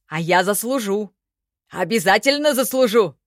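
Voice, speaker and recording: A loud, eager young goblin from a fantasy storybook, played by a woman. He blurts out his excitement at full volume. The recording is close and dry. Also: medium pitch, takes it slowly, dry recording.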